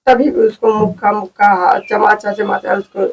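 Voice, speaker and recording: Crying woman pleading with a rough voice. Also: medium pitch, flat delivery, recorded from a distance, lo-fi sound. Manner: pleading, rapid tearful telling. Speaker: interviewee, victim's relative. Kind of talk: distressed field interview.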